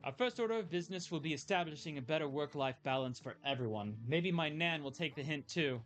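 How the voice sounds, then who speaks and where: A man's voice: on the high side, a bit bright. A man voicing an earnest young woman café manager, reading game dialogue aloud in a heartfelt way.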